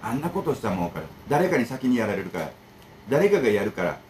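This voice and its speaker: A man chats casually to camera, rambling from one complaint to the next and back to advice. His mid-pitched voice swings widely up and down as he talks, and a faint hum of background noise sits under it. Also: fast talker, rough recording. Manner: rambling, animated, jumps between complaints and advice. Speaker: bento shop owner and channel host.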